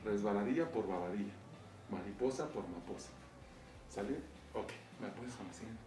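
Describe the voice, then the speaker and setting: A man's voice: lowish voice, normal speed, dark tone. A man giving a university lecture, often asking his students whether they follow him. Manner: checks understanding with frequent rhetorical questions. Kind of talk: classroom lecture. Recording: roomy, distant mic, faint background noise.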